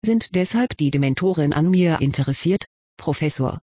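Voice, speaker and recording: A reader voicing a brooding young schoolboy wizard who speaks quietly and warily, in an audiobook reading. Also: mid-range voice, lively intonation, moderate pace, no echo, studio quality, natural voice. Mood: guarded.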